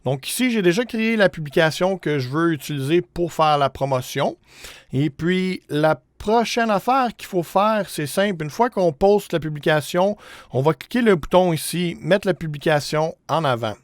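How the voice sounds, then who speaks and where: A man's voice: on the high side, expressive, moderate pace, no echo, clean studio sound. A man in his thirties with a Quebec French accent, hosting a casual screen-share tutorial in an informal, hesitant way with English words mixed in. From Canada. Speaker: music promotion tutorial host.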